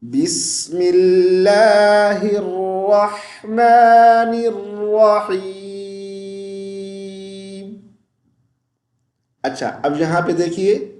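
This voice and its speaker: A man teaching Quran pronunciation, explaining quickly and reciting verses slowly and melodically, often asking "okay?". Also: fairly high pitch, a little mellow, echoey room. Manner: often checks in with "okay?" and "theek hai?". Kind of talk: tajweed lesson with melodic recitation.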